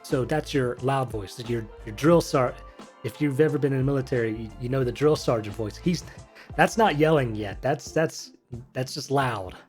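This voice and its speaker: A man in his thirties talks through voice-acting technique, casual and rambling, correcting himself as he goes. His voice sits at an ordinary pitch, with faint music underneath. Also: normal speed. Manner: chatty, rambling, self-correcting asides. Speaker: voice actor explaining technique. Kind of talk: casual instructional commentary.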